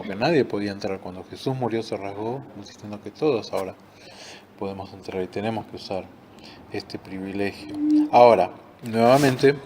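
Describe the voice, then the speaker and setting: A man's voice: on the low side, darkish tone, a little hiss or hum. Rioplatense man teaching a Bible class. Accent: Rioplatense Spanish. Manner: conversational, explains with examples, fills with "este". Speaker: discipleship teacher.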